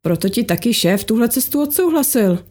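A woman's voice: a little high, animated, a little mellow, voice pushed up. A woman voicing a wry male colleague.

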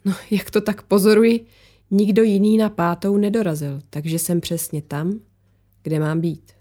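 A woman voicing a mysterious female visitor who speaks calmly and matter-of-factly, as if she knows everything. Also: medium pitch, close to an everyday voice. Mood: knowing. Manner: calm, matter-of-fact, knowing. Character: calm mysterious woman visitor, knowing and unruffled.

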